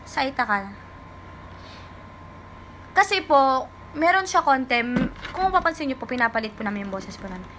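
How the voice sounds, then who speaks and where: A woman's voice: sits high, animated, moderate pace, pauses often, noisy background. A young woman from the Philippines chatting politely on a livestream, answering fans and reading out their comments. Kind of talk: casual livestream chat.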